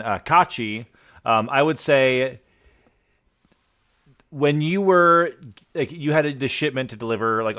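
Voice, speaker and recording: A man's voice: fairly low pitch, a bit bright, clean tone. A man acting as game master, explaining lore with lots of fillers and restarts. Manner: rambling, filler-heavy explaining. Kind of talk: improvised narration for a tabletop game.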